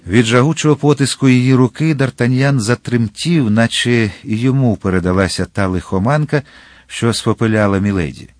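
A man reads a classic novel aloud as an audiobook, his delivery measured and expressive. His voice sits in the mid-range, and there's no echo.

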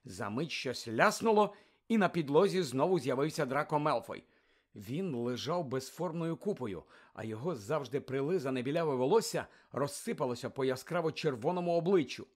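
A man narrating an audiobook in lively storytelling mode, giving each character a voice. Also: mid-range voice, fairly quick. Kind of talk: scripted narration.

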